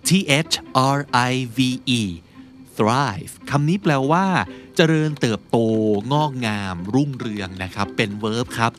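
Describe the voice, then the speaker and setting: A man hosting a podcast, teaching English words in a chatty, casual way and reading example sentences slowly. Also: mid-range voice. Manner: chatty, explains with slow read-out example sentences. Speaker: podcast host. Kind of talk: casual English vocabulary lesson.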